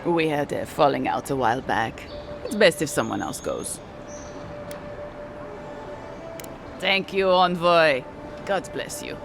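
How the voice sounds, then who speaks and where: An actress playing a courteous, dramatic woman asking favours in a video game, with a deliberate way of talking. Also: low voice, sing-song, gravelly, noisy background, full character voice. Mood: reserved. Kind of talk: video game dialogue acting.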